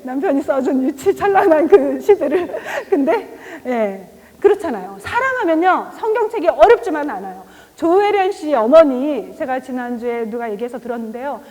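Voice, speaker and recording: A middle-aged woman preaching a sermon, telling family stories with laughter and softening to a hush at tender moments. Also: high voice. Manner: warm storytelling with laughs, drops to a whisper for God's voice. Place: church chapel. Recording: reverberant chapel.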